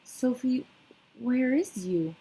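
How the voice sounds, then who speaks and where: A gentle, good-hearted giant who coaxes and pleads in an eager, lifted voice, as a woman reading aloud puts him on. His grammar comes out charmingly jumbled, a timid soul growing brave in a storybook. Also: expressive, slow, poor audio. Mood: anxious, coaxing. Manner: higher, eager, mangled grammar. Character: big kindly male giant, timid but clever.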